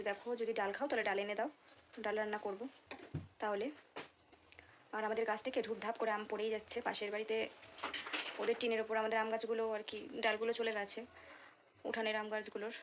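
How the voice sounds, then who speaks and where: A woman's voice: fairly high pitch, a little hiss or hum. A young woman with a Bengali accent, chatting casually in a home vlog, sounding tired and unwell. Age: young adult. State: feeling unwell. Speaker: vlogger. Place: home kitchen and courtyard.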